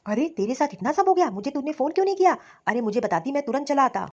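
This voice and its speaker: Stern protective old father-in-law for a cartoon, voiced by a woman, fast scolding delivery, dull dry lo-fi sound. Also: high voice, sing-song, darkish tone, no room sound. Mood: outraged. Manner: scolding, commanding. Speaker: cartoon voice actor. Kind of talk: storybook cartoon dialogue.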